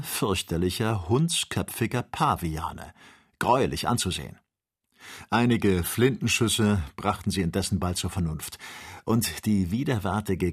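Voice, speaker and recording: Audiobook narrator, male, low and husky, steady storytelling. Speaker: audiobook reader. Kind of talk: scripted narration.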